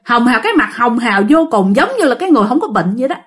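A woman with a Southern Vietnamese accent narrates a ghost story in a loose, conversational style. Her voice sits high, and she keeps turning to address her listeners, filling pauses with little fillers. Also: sing-song. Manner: chatty, addresses listeners directly, many fillers.

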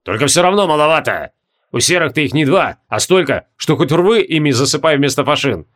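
A man reading an audiobook voices a calm male advisor explaining the balance of forces. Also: a little high. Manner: measured, explaining.

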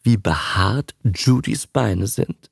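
A man's voice: lowish voice, takes it slowly, dry recording, studio quality, heavily acted. A man voicing a vain, naive young female film starlet in an audiobook reading, gushing and dreamy. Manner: breathy, dreamy, gushing chatter. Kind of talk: audiobook character voice.

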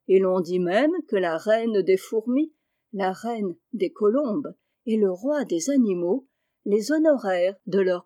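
Brief: woman narrator of a storybook tale, mellow dark timbre, dry close sound. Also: mid-range voice, no echo. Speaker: reader.

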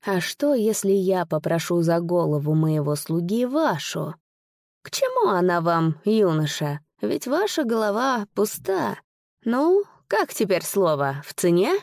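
A woman's voice: fairly low pitch, big pitch swings, unhurried, vocal fry, a little mellow, no room sound, studio quality, heavily acted. A woman voicing an old, sly and greedy male sorcerer who taunts and sneers. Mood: mocking.

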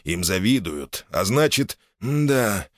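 A man's voice: fairly low pitch, very animated, takes it slowly, no echo, clean studio sound. A man voicing a stern, commanding older boyar who heads his clan. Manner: commanding, menacing.

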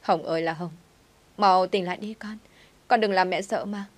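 A woman's voice: on the low side, moderate pace, lightly acted. A woman reading the lines of a scheming middle-aged aunt in a told story. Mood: frantic.

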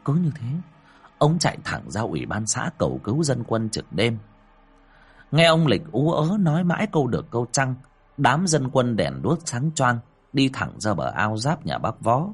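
A man's voice: mid-range voice, very animated, normal speed, breathy edge. A man narrating a ghost story expressively.

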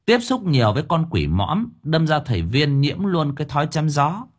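Husky guy reading a spooky audiobook, lively swoopy voice, faint music underneath. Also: fairly high pitch, normal speed. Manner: expressive, vivid storytelling. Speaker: audiobook narrator. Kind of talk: dramatic horror story narration.

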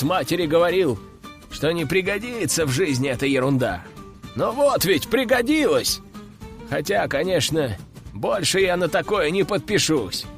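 A man doing a gruff army major in a storybook reading, boasting with a lively, swinging voice that climbs high in his excited lines. Soft music plays quietly behind him. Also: exaggerated voice. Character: gruff male army major, blunt soldier.

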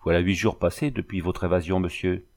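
A man voicing a gentle but bossy young woman nursing a patient, in an audiobook reading. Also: low-pitched, fairly even intonation, fairly quick. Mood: coaxing, bossy. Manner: softly commanding, coaxing.

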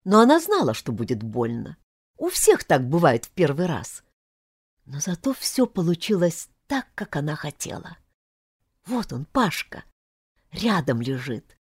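A woman narrating an audiobook in an expressive, intimate manner. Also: sits low, a little slow, husky, dry recording, studio quality.

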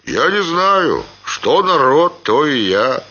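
A man doing a gruff old peasant carter. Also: fairly high pitch, big pitch swings, slow, bright, forceful tone, lo-fi sound, pitched above the performer's own voice, full character voice. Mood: grumbling. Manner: gruff, folksy.

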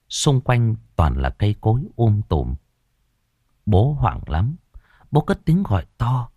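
A man narrating a rural ghost story with an expressive, dramatic delivery. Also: lowish voice, breathy edge, no room sound, clean studio sound. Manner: expressive, rises and falls dramatically.

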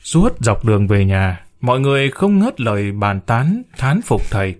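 A man's voice: mid-range voice, very animated, moderate pace. A man narrating a story aloud with a wry, storytelling tone.

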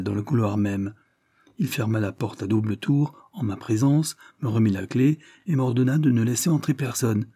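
A man's voice: lowish voice, warm tone, husky, no room sound, clean studio sound. A man voicing a worried, deferential butler who apologizes and protests earnestly. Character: anxious middle-aged male butler, deferential.

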